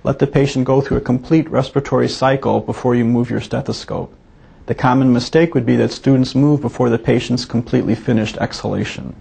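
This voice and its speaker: A male physician leads a teaching demonstration with a gravelly, husky voice. His tone is dark and mellow, steady and methodical as he explains each step for students. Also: mid-range voice, a little fast.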